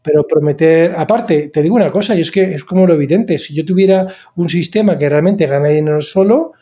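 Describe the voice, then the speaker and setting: A man's voice: a little high, brisk, dark tone. Chatty man hosting a tech podcast. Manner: chatty, hesitant, many fillers and restarts. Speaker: podcast host. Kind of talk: casual podcast chat.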